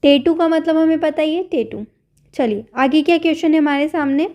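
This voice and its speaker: High-voiced woman teaching English vocabulary. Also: moderate pace, dark tone. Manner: explains patiently, repeats each word then its meaning. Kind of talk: Hindi-medium English grammar lesson.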